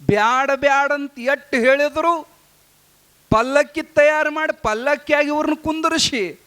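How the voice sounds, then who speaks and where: A high-pitched man with a North Karnataka Kannada accent tells a sermon as a story. His voice rises and falls as he acts out each character's lines. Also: a little slow, pushed and bright. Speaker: preacher.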